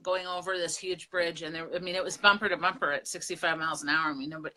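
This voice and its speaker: A middle-aged woman from Pennsylvania, co-hosting a casual vlog chat. Her voice is bright and forward and sits a little low in pitch, and she talks candidly with lively storytelling. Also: fast. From Pennsylvania, USA. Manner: candid, animated storytelling with laughs. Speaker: co-host. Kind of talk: casual conversation.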